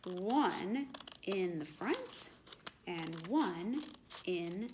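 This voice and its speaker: A woman children's librarian reading a storytime tale aloud, gently asking the children questions. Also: lowish voice, lively intonation, very slow, noisy background.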